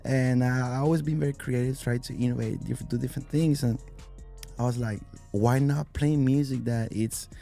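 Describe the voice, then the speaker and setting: This is a man speaking at an ordinary mid pitch. His voice has a gravelly rasp, and he chats as an interview guest, rambling through fillers and restarts. Faint music plays behind him. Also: steady tone, moderate pace, dark tone. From Spain. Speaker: guest, DJ and violinist. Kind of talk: casual interview chat.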